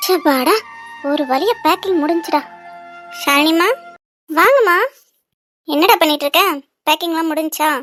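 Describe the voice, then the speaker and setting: A woman voicing a sad, loving middle-aged mother in a cartoon, gently reproaching her daughter. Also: very high voice, unhurried, long pauses, faint music behind. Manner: sorrowful, reproachful. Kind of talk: cartoon voice acting.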